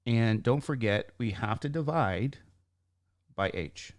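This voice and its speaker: A man with a slightly squeaky voice teaching math informally, talking through each step and posing questions he then answers himself. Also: animated, slow pace, no room sound, studio quality. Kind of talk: informal worked-example lesson, thinking aloud.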